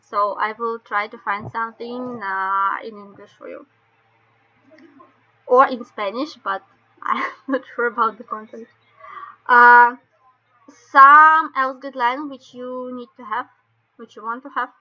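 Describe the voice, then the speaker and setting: A woman with a Russian accent explains things step by step in halting non-native English, like an informal online training session. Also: on the high side, steady tone, pushed and bright. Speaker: webinar presenter. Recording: dull lo-fi webinar call audio.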